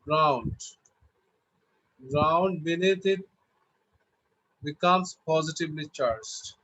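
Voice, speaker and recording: A man teaching an online class, explaining slowly and patiently over a video call. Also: fairly high pitch, fairly bright tone. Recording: dull lo-fi online call audio.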